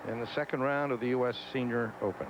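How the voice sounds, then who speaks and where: A male golf commentator with a mid-pitched voice calls live play as the lead announcer. Loud outdoor ambient noise runs steadily behind his voice. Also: steady tone, fast talker, lo-fi sound.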